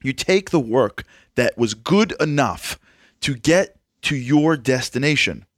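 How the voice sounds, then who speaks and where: Lively man interviewing, dry close sound. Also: medium pitch, slow, dry recording. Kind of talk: interview conversation.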